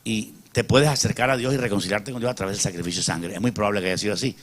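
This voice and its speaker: A male pastor preaching a sermon, calling out amen and asking the congregation rhetorical questions, dropping to soft asides and rising to loud emphatic peaks. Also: lowish voice, steady tone, very fast.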